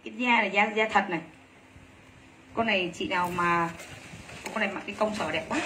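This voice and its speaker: A woman selling clothes on a livestream, talking rapidly and gushing over each piece while teasing her helpers. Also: medium pitch, noisy background. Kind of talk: live sales pitch.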